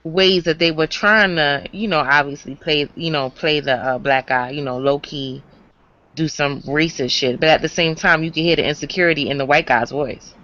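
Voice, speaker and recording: A woman's voice: normal speed, pushed and bright. A woman commenting in a casual, conversational discussion. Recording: slightly dull low-fidelity audio.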